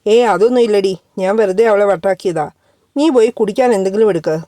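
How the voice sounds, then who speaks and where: A woman's voice: mid-range voice, fast, dark tone, no echo, studio quality, natural voice. A woman voicing a bossy, teasing young husband in a read-aloud story.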